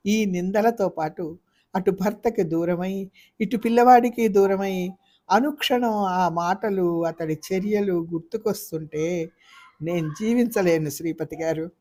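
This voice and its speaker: A woman's voice: medium pitch, a little slow, mellow, close to an everyday voice. A storyteller voicing a wounded young wife and mother who argues back in a Telugu audio novel. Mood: grieving. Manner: pleading then fiercely defiant. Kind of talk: audiobook character voice.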